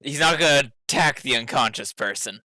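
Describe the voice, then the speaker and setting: A man acting as game master, narrating a casual tabletop game in a halting way, thinking aloud as he goes. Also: medium pitch, expressive, pushed and bright, no room sound.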